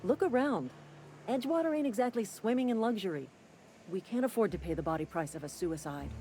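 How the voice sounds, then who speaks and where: A gruff, cynical company clerk. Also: male voice, high-pitched, darkish tone, slight background noise, low-quality recording. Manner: curt, sardonic and impatient. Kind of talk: video game dialogue.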